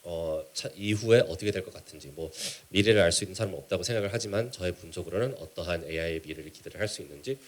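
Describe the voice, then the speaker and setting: A man with a Korean-American accent gives a conference presentation in a halting, measured way, mixing in English business terms. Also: sits low. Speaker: keynote speaker, startup mentor.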